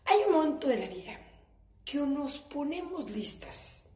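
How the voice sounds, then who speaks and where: High-voiced Mexican woman doing stand-up. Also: very animated, measured pace, mellow, reverberant. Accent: Mexican Spanish. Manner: crude, mocking, acts out family voices. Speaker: stand-up comedian. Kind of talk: stand-up comedy monologue.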